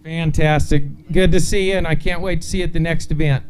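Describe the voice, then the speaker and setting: Hearty higher-voiced man announcing a lakeside weigh-in. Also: steady tone, brisk, low-quality recording. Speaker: host of a fishing tournament weigh-in. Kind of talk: live event announcing and casual interviewing.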